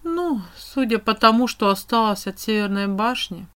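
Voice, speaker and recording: A woman voicing a brisk, teasing witch whose voice turns strict and cold. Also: on the high side, lively intonation, fairly bright tone, clear, resonant tone.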